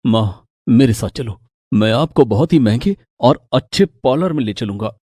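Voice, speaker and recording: A man voicing a calm, firm young husband and son in a cartoon story, talking reasonably. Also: mid-range voice, normal speed, breathy edge, no echo, clean studio sound.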